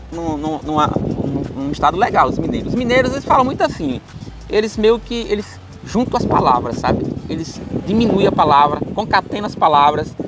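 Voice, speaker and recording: A man from Ceará with a Northeastern Brazilian accent, answering questions in a casual street interview, chatty and hesitant with many fillers. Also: sits high. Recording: loud outdoor noise with boat engines.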